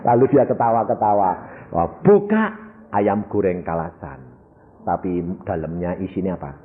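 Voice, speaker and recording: A man's voice: sits low, moderate pace. An older man with a Javanese accent preaching a storytelling sermon, acting out dialogue in different voices. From Central Java, Indonesia. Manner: animated, acts out dialogue in voices. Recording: dull lo-fi recording with faint noise.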